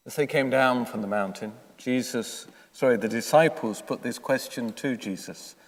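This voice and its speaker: A man, a priest, reading the gospel and preaching calmly in a long cathedral echo. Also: medium pitch. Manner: calm, conversational preaching with pauses. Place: large church. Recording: echoey church from far off.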